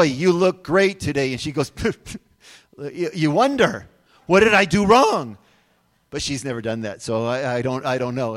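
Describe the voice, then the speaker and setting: A man's voice: sits high, fairly bright tone, big-room sound. A middle-aged man preaching a sermon to his congregation, conversational, with frequent restarts and asides to the listeners. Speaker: pastor.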